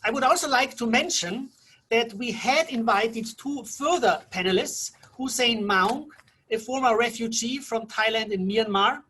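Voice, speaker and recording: A middle-aged man from Austria, moderating a conference panel in a measured, reflective way that slows down for emphasis. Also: high voice, pushed and bright, slightly rough. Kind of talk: formal conference introduction.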